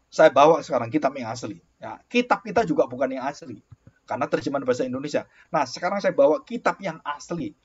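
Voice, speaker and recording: A man's voice: medium pitch, breathy edge. A male pastor telling a story in a sermon, acting out the dialogue with bursts of exclamation. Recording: dull lo-fi recording.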